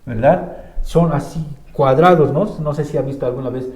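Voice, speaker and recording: Bolivian male church teacher, dark tone, casual explainer, roomy recording. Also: mid-range voice, normal speed. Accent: Bolivian Spanish. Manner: explains with many filler tags and restarts. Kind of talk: conversational Bible teaching. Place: church room. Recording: roomy echo.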